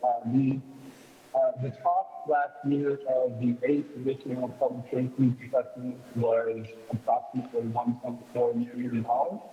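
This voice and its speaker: A man calling into a meeting remotely from a place with poor internet. His voice is muffled and echoes as if he were in a tunnel or small box, and he speaks haltingly with many fillers. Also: medium pitch, flat delivery, warm tone. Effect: muffled, echoing call audio, as if in a tunnel or small box. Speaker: committee vice chair calling in remotely. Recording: muffled echoey online call line.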